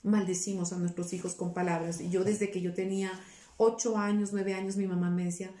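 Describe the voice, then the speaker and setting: A woman's voice: medium pitch, flat delivery, a little fast, mellow, reverberant. A woman in her forties, a pastor giving her personal testimony in a casual interview. She talks earnestly and keeps searching for words, with many restarts.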